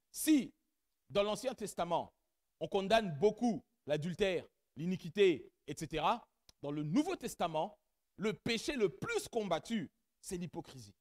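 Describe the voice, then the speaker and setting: In church, a middle-aged pastor delivers a sermon with animation, building to loud emphatic peaks while speaking straight to the congregation. His voice sits high, and his mother tongue is something other than French.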